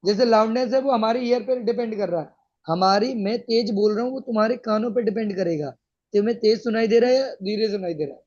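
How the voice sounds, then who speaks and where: A man's voice: sits high, fast, a little mellow. A male teacher explaining a science lesson to students, patiently checking that they follow. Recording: dull lo-fi sound.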